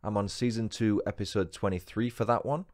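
Dry-humoured Northern English podcast host. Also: male voice, lowish voice, fairly even intonation, brisk, darkish tone. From England. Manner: dry, wry asides with laughs. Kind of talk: true crime podcast narration.

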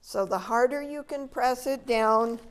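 A woman's voice: fairly high pitch, a little slow. An older woman giving a patient, step-by-step cooking demonstration in a large demo kitchen, filmed from a distance. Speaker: extension educator.

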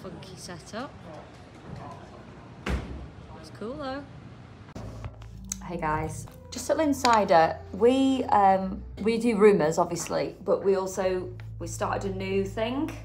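A woman vlogs from the road in a chatty, upbeat way, talking straight to her viewers. Loud music plays behind her voice. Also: medium pitch, lively intonation, measured pace. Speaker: touring musician vlogging. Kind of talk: casual vlog to camera.

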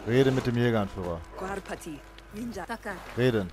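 Aufgebrachter junger Mann kommentiert ein Spiel. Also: male voice, a little slow, crowd noise. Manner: frustrated, exclaiming, shouts high-pitched for help in panic. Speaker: let's play gamer. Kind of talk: let's play commentary.

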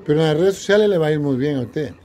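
A man's voice: on the high side, expressive, very fast, warm tone. A man hosting a casual street interview, asking teasing, joking questions. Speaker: interviewer, channel host. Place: outdoors on a city street.

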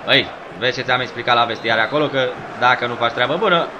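A man commentating his own football video game match, yelling at his players and teasing them, hoarse from shouting. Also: mid-range voice, dull audio, crowd noise. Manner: yells at his players, rhymes and teases. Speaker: gameplay commentator.

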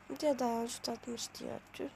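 A gamer screaming excitedly like a football commentator over their own match, repeating words. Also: mid-range voice, creaky. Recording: loud background noise, game sound.

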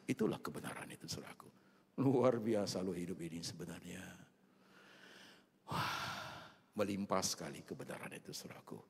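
Deep voiced pastor guy, gravelly, sermon in a big echoey church, drops into whispers. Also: slight background noise. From Indonesia. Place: large church hall. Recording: long reverb of a large church hall.

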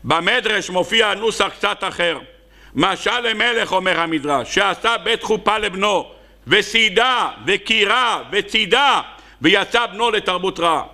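A man's voice: vocal fry, bright, forceful tone. A man with an Israeli accent, a rabbi preaching a sermon and telling parables, acting out the characters in them. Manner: storytelling, acting out characters with sudden high cries. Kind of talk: Hebrew sermon with acted parables.

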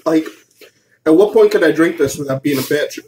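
A man's voice: fairly high pitch, normal speed, a little mellow, a little hiss or hum. A man co-hosting a casual video, complaining dramatically and half laughing while in pain from a very hot chip. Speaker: co-host. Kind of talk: casual chat.

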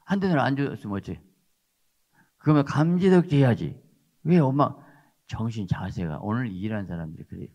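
A man's voice: medium pitch, big pitch swings, normal speed, pauses often, a little mellow. An older man, a pastor, preaching a sermon in an emphatic way and often tagging his points with a questioning "huh?". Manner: emphatic, repeats rhetorical "어?" tags. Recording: dull lo-fi sound.

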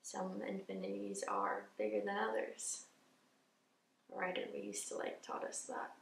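A young woman acting a dramatic monologue as a grieving, tender young woman eulogizing her beloved, with halting, emotional delivery. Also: medium pitch, big pitch swings, creaky. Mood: composed, fragile. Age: young adult. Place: indoor studio with dark backdrop. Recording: roomy echo, slightly distant mic.

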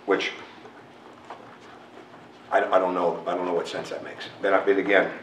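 A man's voice: low-pitched, flat delivery, moderate pace, a little hiss or hum. A middle-aged man, a basketball coach, answering reporters frankly at a post-game press conference, often repeating and restarting his phrases. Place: press room in front of a logo backdrop. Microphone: table mic on a stand. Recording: roomy, picked up from a distance.

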